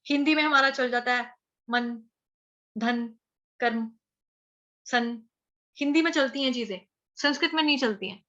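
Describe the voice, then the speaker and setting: A woman with a North Indian accent teaches verse pronunciation in a high, bright voice. She breaks words into syllables, repeats them slowly and chants the lines. The recording sounds dull and lo-fi.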